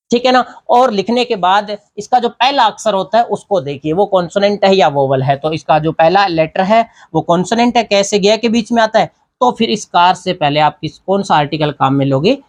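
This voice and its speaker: A man teaching an English grammar lesson. He explains step by step, repeats each point, and keeps checking in with the class. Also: high-pitched. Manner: explains step by step, repeats key points, often asks "theek hai na".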